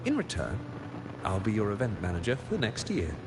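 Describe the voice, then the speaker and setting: A man's voice: lowish voice, wildly swooping pitch, brisk. An actor playing a shrewd male manager making a deal, blunt and businesslike. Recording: game audio with music behind.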